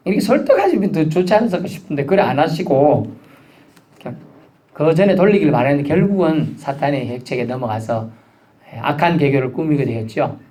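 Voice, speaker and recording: Korean pastor preaching casually. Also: male voice, fairly high pitch, sing-song, brisk, warm tone. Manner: casual conversational preaching, acting out quoted voices. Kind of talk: sermon.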